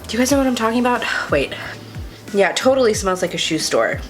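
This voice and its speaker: This beauty vlogger, a young adult woman, chats casually through a makeup tutorial, sounding a bit congested and sniffly as she confides in a self-deprecating way. Her voice is on the high side, sing-song and quick, with faint music behind it.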